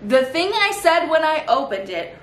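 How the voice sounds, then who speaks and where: A woman's voice: sits high, very animated, moderate pace. Sardonic woman in a roomy, echoey space. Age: 30s. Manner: sardonic, sweary, rambling. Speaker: host reacting to old toy commercials. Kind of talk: casual comedic commentary. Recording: roomy echo, faint background noise.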